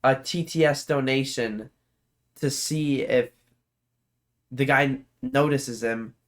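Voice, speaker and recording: A man hosting a reaction video, commenting casually in a rambling way, full of filler words and easily impressed. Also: medium pitch.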